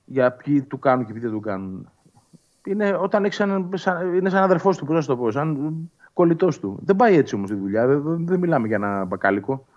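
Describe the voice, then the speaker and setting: A man's voice: a little high, lively intonation, darkish tone. A man with a Greek accent talking as a guest on a sports show, hesitant and restarting but then emphatic. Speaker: guest pundit. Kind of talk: casual sports talk. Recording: slightly dull lo-fi sound.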